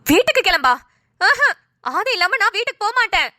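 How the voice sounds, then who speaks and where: A woman voicing a confident middle-aged mother who speaks proudly of her daughter's partner in an animated cartoon. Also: very high voice, fairly quick, no room sound, studio quality, heavily acted. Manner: assured, proud.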